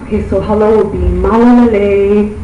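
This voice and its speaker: A young woman from Tonga, answering formal pageant questions in an earnest, measured way. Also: fairly low pitch, fairly even intonation, highs cut off, a little hiss or hum. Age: young adult. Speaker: pageant contestant. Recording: echoey room from far off, music behind.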